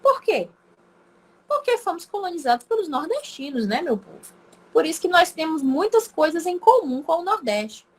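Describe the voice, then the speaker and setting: A woman's voice: very high-pitched, sing-song, moderate pace. A woman teacher with an Acre Brazilian accent, giving a remote class lecture in a chatty way and constantly checking in with her students. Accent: Acre Brazilian Portuguese.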